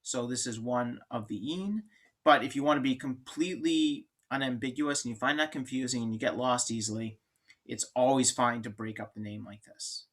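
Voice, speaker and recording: A man's voice: medium pitch, moderate pace, a bit bright. A man lecturing on chemistry in an informal, joking way, thinking aloud and restarting sentences. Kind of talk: classroom lecture.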